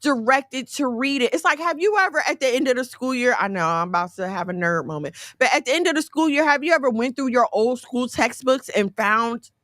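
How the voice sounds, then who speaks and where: Woman, forties, chatty faith talk with folksy asides; bright tone, dry close sound. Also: sits high, fairly quick, few pauses, no room sound. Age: 40s. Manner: conversational, folksy, animated storytelling with asides.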